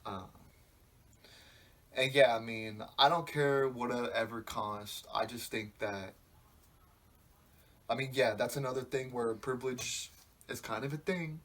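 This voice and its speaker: A man's voice: mid-range voice, measured pace, long pauses, a bit bright. A man in his twenties talking on a podcast in a loose, rambling, reflective way, swearing freely. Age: 20s. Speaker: podcast host. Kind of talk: casual podcast monologue.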